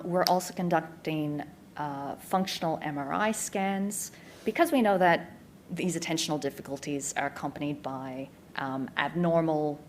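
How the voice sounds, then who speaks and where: An Australian woman giving a clear, informative conference presentation as a neuropsychologist, with frequent ums. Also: lowish voice, a little hiss or hum. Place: community information day presentation.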